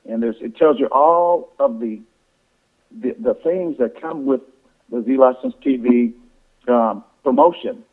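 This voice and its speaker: Male sales presenter, mid-pitched, informal and halting, repeats himself, heard on a narrow phone-conference line. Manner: repetitive, halting explanation with false starts. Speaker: presenter on an affiliate sales call. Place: conference call over the phone. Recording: tinny, band-limited phone conference line.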